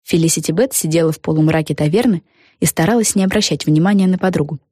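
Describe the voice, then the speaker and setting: Low-voiced woman reading a storybook. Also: fast talker, warm tone, slightly rough, dry recording, clean studio sound. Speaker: audiobook narrator. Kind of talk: scripted storybook narration.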